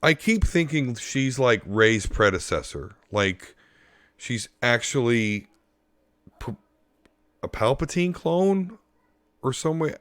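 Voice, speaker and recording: A man co-hosting a podcast in casual chat, laid-back and thinking aloud with pauses. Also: mid-range voice, sing-song, fairly bright tone, dry recording. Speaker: podcast co-host.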